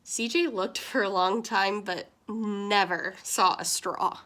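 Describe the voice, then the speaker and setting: Woman, teacher, picture book read-aloud, expressive, bright and clear. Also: medium pitch, slow pace. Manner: expressive, lively storytelling.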